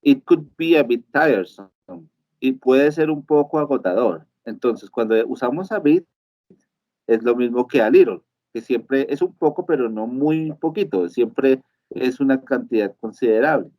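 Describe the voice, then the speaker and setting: A man's voice: medium pitch, expressive, a little slow, highs cut off. A male teacher gives a live online lesson. He explains step by step and keeps checking in with his students. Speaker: English teacher.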